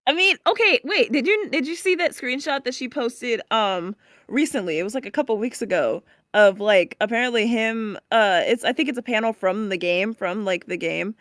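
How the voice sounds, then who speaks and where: A woman's voice: a little high, animated, moderate pace, a bit bright, no echo, studio quality. A woman casually recapping a game demo on a podcast, chatty, with many fillers and restarts. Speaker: podcast co-host.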